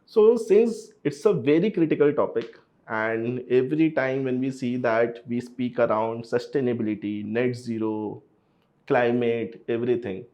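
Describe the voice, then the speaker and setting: A man's voice: medium pitch, darkish tone. A man with an Indian accent hosts a conversational interview, introducing topics and putting questions to his guest. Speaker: podcast host, interviewer.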